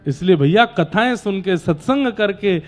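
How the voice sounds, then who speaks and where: Male preacher, devotional discourse: high voice, slow exhorting delivery, faint music behind. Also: animated. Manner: fervent, exhorting, storytelling. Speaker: religious storyteller. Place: live religious gathering.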